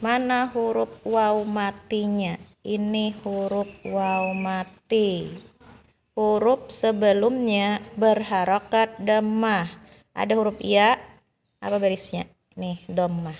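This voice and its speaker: Slow, gravelly Indonesian woman teacher. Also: medium pitch, fairly even intonation, a little mellow, muffled recording, slight background noise. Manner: patient, repeats each example and draws out the long vowels when modelling them. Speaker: Quran recitation teacher. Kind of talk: classroom lesson explaining Quranic long vowels.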